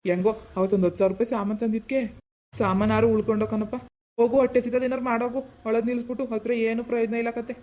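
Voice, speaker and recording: A man's voice: extremely high pitch, flat delivery, racing, darkish tone. A voice actor playing a blunt, practical village husband in a cartoon who lectures and nags his wife. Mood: nagging. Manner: nagging, lecturing. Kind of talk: Kannada cartoon voice acting.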